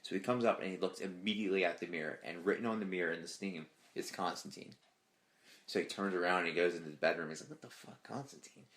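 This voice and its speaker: Deep-voiced excitable podcast co-host man. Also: fast. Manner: excitable, swears freely, acts out quotes. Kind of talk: casual podcast chat.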